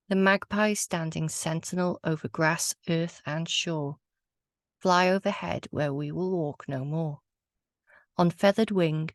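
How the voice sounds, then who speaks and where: Woman, low gravelly voice, earnest storyteller, thoughtful and a bit hesitant. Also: no echo, studio quality. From Wales. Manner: reflective, earnest, with hesitant fillers. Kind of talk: casual talk and poetry reading.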